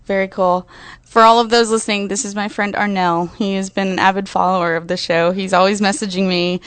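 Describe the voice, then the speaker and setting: A woman's voice: medium pitch, level tone, a little fast, clean tone, no room sound. A young woman hosting an internet radio show, chatting casually and a little scatterbrained. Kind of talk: casual chat.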